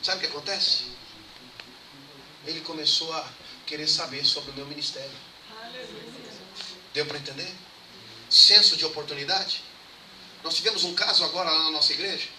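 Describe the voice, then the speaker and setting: A young man preaching as a pastor, telling stories in a lively way and acting out the dialogue. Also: on the high side, a little fast, pauses often, a crowd in the background. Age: young adult. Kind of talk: storytelling sermon. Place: church. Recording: echoey church hall, mic far off, background noise.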